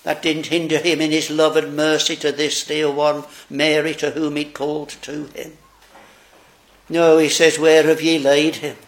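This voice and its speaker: A man preaching a sermon, slow, solemn and earnest. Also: a little high, completely flat delivery.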